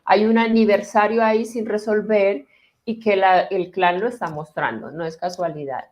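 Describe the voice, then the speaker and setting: A middle-aged woman speaks as a therapist, unhurried and soothing. She leads the listener gently through each step with steady pauses. Her voice sits at an ordinary middle pitch for a woman. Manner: calm, slow, reassuring guidance with pauses. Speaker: transgenerational therapist. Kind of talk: guiding talk answering viewer questions.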